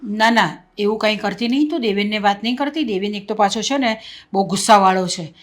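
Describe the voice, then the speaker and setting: An actress playing a mother-in-law who calms her elder daughter-in-law and makes excuses for the younger one. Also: mid-range voice, fairly quick, soft background music, close to an everyday voice. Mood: soothing. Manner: calming, placating. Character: soothing mother-in-law, peacemaker, indulgent. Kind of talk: Gujarati family stage drama.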